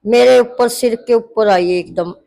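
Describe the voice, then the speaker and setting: A woman's voice: fairly high pitch, a little slow, vocal fry, dark tone, low-quality recording. A middle-aged woman, the mother-in-law in the story, recounting a family quarrel to a reporter, narrating at length and quoting what each person said. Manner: long narration full of quoted dialogue.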